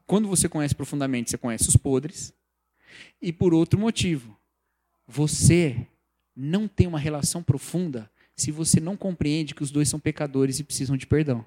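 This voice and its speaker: A man preaching a sermon, lively and conversational, acting out the quoted voices of people he talks about. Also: fairly high pitch. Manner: animated, acts out quoted voices, mocking examples. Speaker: pastor or preacher.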